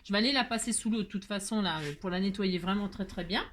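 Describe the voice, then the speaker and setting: A woman's voice: mid-range voice, fast talker. A woman hosting a casual crafting tutorial at her home craft table. She chats away and answers her own remarks, adds playful sound effects, and grumbles over slips before laughing them off. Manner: gets annoyed by mistakes, then laughs it off. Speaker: crafting video host. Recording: noisy home recording.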